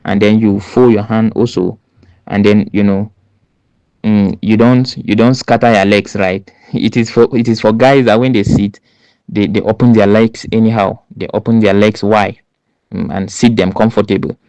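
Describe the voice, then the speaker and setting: A man's voice: fairly low pitch, steady tone, moderate pace, a little mellow, no echo, muffled recording. A man giving an exam preparation lesson, talking emphatically, repeating himself and checking in with "right?". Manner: repetitive, emphatic, with many restarts and "right?" checks. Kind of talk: spoken lesson.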